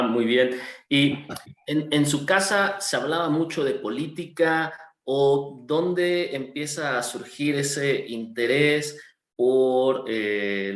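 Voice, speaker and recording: A man hosting an interview, introducing his guest and asking questions in a measured, polite way with some fillers. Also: mid-range voice, echoey room. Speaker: interview host.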